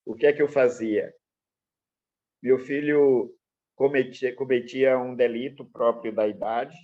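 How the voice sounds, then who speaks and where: A middle-aged man with a Brazilian Portuguese accent, a pastor teaching in an animated sermon full of personal anecdotes, acting out dialogue in changed voices. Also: mid-range voice, measured pace, dull audio.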